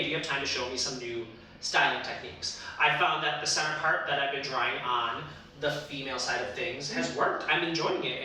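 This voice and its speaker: A man working as a hairstylist, giving casual advice in an expressive, encouraging way, speaking straight to the listener. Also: a little high. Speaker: hairstylist and show panelist. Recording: very echoey room, distant mic, faint noise.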